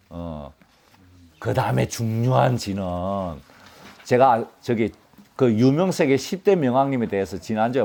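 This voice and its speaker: A middle-aged man giving an informal Buddhist dharma talk, explaining mantras and chanting them slowly, with chatty asides. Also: fairly low pitch, warm tone. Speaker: Buddhist lecturer.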